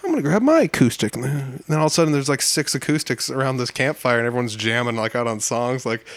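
A man hosting a casual chat in a studio, telling lively stories and acting out quotes. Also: mid-range voice, quick pace, no room sound. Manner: animated storyteller, acts out quotes. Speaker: podcast host.

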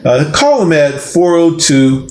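Higher-voiced man, casual radio co-host. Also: big pitch swings, measured pace, a little mellow. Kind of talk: casual conversational radio hosting. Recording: roomy, music behind.

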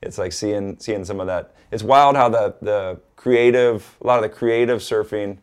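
A man from Hawaii, a guest in a casual interview, talking in a relaxed, rambling way with lots of "like" and "you know.". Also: fairly low pitch, normal speed, clear, resonant tone.

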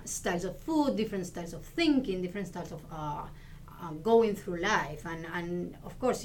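A woman from Argentina, a native Spanish speaker, answers interview questions as a guest lecturer. Her voice sits a little low and she talks thoughtfully, restarting sentences now and then. A faint hum of ambience sits behind her. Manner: thoughtful, frequent restarts and laughs.

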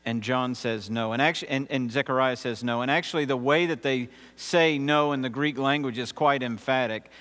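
A man preaching a sermon as pastor, measured, with emphatic pauses between phrases. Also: mid-range voice, fairly bright tone. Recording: long reverb with mains hum.

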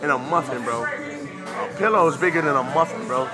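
Over background music, a man co-hosts a podcast with animated, fairly high-pitched speech at a normal pace. He jokes and brags in slangy banter, throwing "bro" in all the time.

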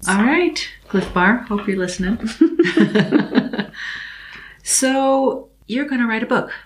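Slow-talking woman interviewer. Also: on the high side, lively intonation. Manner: warm encouraging reactions with frequent laughs. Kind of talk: casual interview.

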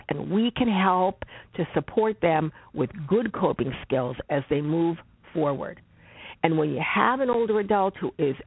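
Social worker, slide presentation, measured and deliberate, husky, narrow phone-line sound. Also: mid-range voice, dry recording. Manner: measured, deliberate, emphatic repetitions.

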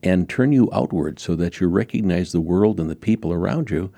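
A man's voice: deep voice, expressive, a little fast, warm tone, no room sound. A man, a pastor talking on a podcast in a folksy, emphatic way that builds into rousing exhortation. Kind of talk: podcast conversation with preaching fervor.

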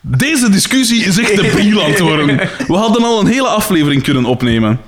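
A Flemish man puts on a booming, demanding male friend in a read-aloud comic story. The voice sits a little high and swings widely in pitch. It comes across as loud and pushy throughout. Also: sing-song, rapid-fire.

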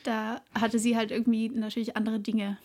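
A young woman in her twenties chatting as a podcast co-host, her voice sitting a little high. She hesitates often with fillers and breaks into laughter as she talks. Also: level tone, brisk, darkish tone. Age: 20s. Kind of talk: casual chat.

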